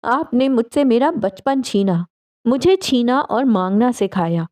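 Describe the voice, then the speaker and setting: A woman voicing an enraged young woman who shouts and bites out her words at her mother. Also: a little high, lively intonation, no echo, clean studio sound, voice pushed up, close to an everyday voice. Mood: furious. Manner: shouting, then cold and biting.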